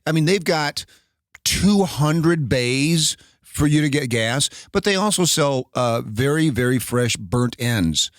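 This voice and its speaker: A middle-aged man hosting a radio show, chatting casually, animated and quick to laugh, often restarting his sentences. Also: on the high side, no room sound, clean studio sound. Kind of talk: casual chat.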